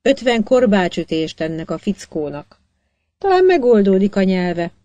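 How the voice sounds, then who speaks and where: A woman's voice: mid-range voice, very animated, mellow, dry recording, dull audio, close to an everyday voice. A woman reading an audiobook, voicing a stern, commanding male ship captain.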